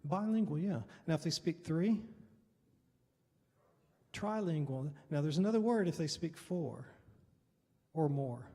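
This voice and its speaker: Telling personal stories, this middle-aged American pastor teaches informally and haltingly, frequently clearing his throat. His voice is husky and gravelly, on the high side, expressive and dark in tone, captured with long hall reverb.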